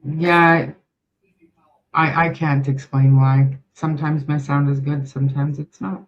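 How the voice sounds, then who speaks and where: Panel commentator on a dull lo-fi call mic that cuts in and out with uneven volume; halting, restarting delivery. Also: medium pitch, little pitch movement. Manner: halting, hesitant speech with restarts. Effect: mic cutting in and out, uneven volume. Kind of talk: online video discussion. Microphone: computer mic on a video call.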